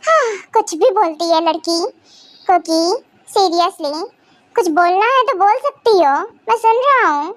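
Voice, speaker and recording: Woman voicing a tired grumbling young husband, high voice, fan audio drama. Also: lively intonation, unhurried, no echo. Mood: exasperated. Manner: grumbling, scolding then soothing. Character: sleepy, exasperated young husband, doting.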